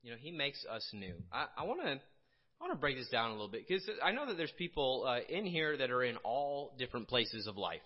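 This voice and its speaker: Halting conversational male preacher, dull sound. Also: mid-range voice, big pitch swings. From Illinois. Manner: conversational, halting with many restarts and fillers. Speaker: pastor. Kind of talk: casual sermon.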